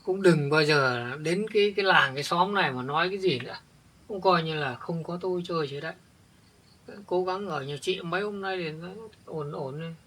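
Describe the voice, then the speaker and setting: A man's voice: fairly high pitch, fairly quick, a bit bright. A man playing an older village man thrown out by his jealous wife, who stumbles and repeats words when upset. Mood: weary. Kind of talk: village family drama acting.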